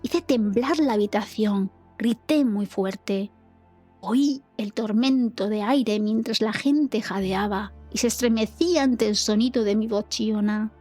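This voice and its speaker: Breathy woman narrating a dramatic story. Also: mid-range voice, measured pace, mellow, soft background music. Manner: earnest, dramatic retelling. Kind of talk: scripted first-person narration.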